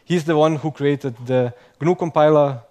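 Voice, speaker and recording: His voice is a little high with a darkish tone, and he keeps a moderate pace. This young man is giving a live conference talk in non-native English, chatty and self-mocking, regularly finishing a point with "okay?".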